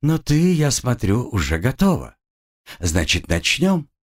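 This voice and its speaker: A man's voice: medium pitch, wildly swooping pitch, a little slow. A man voicing a sadistic adult woman captor who purrs soothing words with mocking coldness. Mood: purring. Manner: purring, mocking, coldly soothing.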